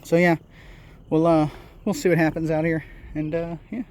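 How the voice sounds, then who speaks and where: A man chatting casually while night fishing on a riverbank, excitable, swearing a lot and laughing often. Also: a little high, moderate pace. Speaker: angler filming his night fishing. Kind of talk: casual fishing vlog chat.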